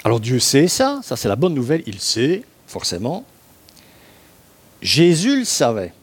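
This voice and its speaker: A man's voice: mid-range voice, huge pitch swings, unhurried, slightly rough. A man preaching a sermon on a Bible passage, talking in a conversational way with asides and rhetorical questions to his listeners.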